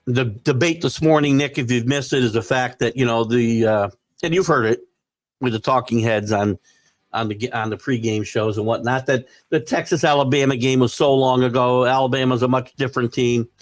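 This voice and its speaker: A male host of a live sports talk show, giving opinionated commentary that keeps building into excited rants. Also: mid-range voice, moderate pace, dry recording.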